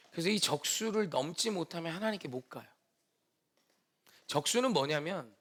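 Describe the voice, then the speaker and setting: Pastor guy preaching a sunday sermon, acts out the story people, high gravelly voice. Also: fairly bright tone. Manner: preaching with dramatic emphasis, acts out quoted speech.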